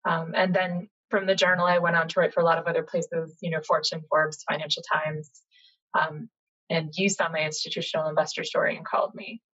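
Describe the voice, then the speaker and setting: A middle-aged American woman, a journalist guest, telling her story in a chatty, animated way over a video call from home. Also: low voice, a little fast. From United States, Boston area. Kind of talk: casual interview conversation. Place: home room, indoors. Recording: slightly dull lo-fi video call audio.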